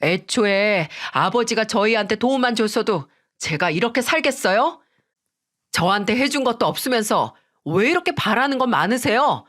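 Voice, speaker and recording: A woman's voice: a little high, expressive, moderate pace, a bit bright, voice pushed up. Woman putting on a sulky, resentful grown son. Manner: sulky, complaining.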